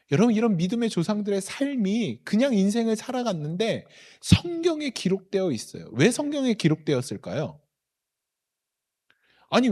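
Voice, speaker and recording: A man preaching a sermon as pastor, dropping to near-whispers and rising to loud exclamations, acting out God in lively quoted asides. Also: high voice. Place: church sanctuary.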